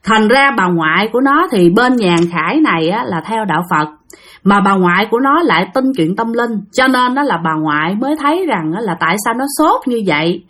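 A woman's voice: medium pitch, expressive, a little fast, fairly bright tone. Southern Vietnamese woman telling a ghost story. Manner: chatty, addresses listeners directly. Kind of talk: casual spoken ghost story.

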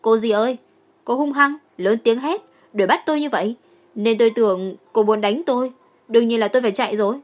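Woman reading a scared teenage boy, tearful, pleading, raised high voice, storybook. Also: fast, lightly acted. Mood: indignant.

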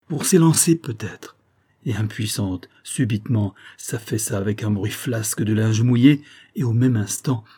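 A man narrating a nineteenth-century fantastic tale as an audiobook, in a measured, theatrical delivery. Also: fairly low pitch, mellow, slightly rough. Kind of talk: dramatic literary reading.

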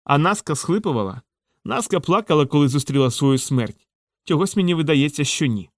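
A man's voice: fairly high pitch, animated, a little fast, dry recording. Male narrator doing a vengeful crime lord, crowing and theatrical, dry close sound. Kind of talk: audiobook character reading.

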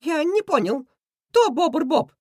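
A woman voicing a nervous, excitable male rat schemer who shrieks, in an audiobook. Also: high-pitched, slow, dry recording, studio quality, voice pushed up, full character voice. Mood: shrieking. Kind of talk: audiobook character voice.

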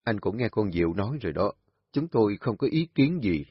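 A man voicing an older father who speaks calmly and with resignation. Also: on the low side, a little fast, husky, no echo. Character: older father, calm and accepting. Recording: dull lo-fi recording.

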